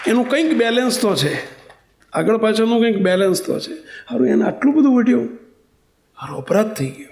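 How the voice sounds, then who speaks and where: Gujarati guru type guy preaching, gravelly voice, kinda high, tells stories and quizzes the crowd. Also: darkish tone. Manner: storytelling, asks the audience questions. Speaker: guru giving a religious discourse. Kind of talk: sermon.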